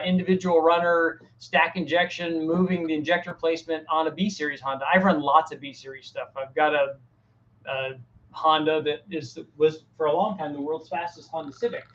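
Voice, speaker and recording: A man's voice: on the high side, a bit bright, dull audio. Plain-spoken man answering engine questions. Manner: plain-spoken, technical, restarts sentences. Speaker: host answering viewer questions. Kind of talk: casual live Q&A. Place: home workshop with a fan running.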